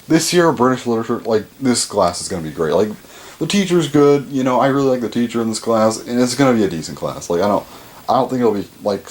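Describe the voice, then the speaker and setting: Rambling and casual, a young male vlogger of seventeen peppers his talk with fillers and the odd curse. Stressed words send his pitch jumping upward.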